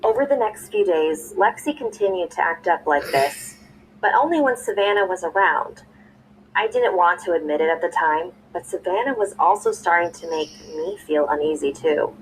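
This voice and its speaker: A young woman telling a scary story in smooth, scripted narration, played back from a video. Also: lowish voice, moderate pace, a little hiss or hum, poor audio. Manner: smooth, even storytelling with a spoken ad read.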